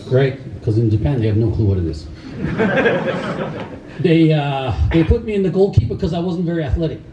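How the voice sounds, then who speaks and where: Heard from afar in a roomy hall, this karate instructor, a man raised in Denmark, talks to a seated camp group with loose, rambling speech, frequent fillers, and restarts. His voice is a little high with big pitch swings at a moderate pace, and the recording is muffled with background noise.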